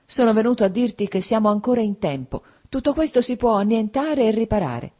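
A woman's voice: a little high, lively intonation, fairly quick, mellow, voice pushed up. A woman reading a novel aloud, voicing an anxious, tormented young man who pleads earnestly. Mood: pleading. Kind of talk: audiobook character reading.

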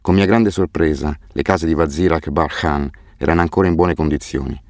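A man reading a novel aloud in the first person, measured and sober. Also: very deep voice, fairly even intonation, darkish tone, no room sound, clean studio sound. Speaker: audiobook narrator.

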